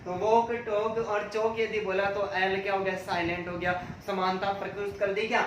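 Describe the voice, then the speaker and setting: A high-pitched male teacher drills exam points, asking questions aloud and answering them himself. He sounds set back from the mic in a strongly echoing room, with a faint hiss of ambience behind him. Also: level tone, moderate pace. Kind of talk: exam-prep lecture. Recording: echoey room, voice from far off.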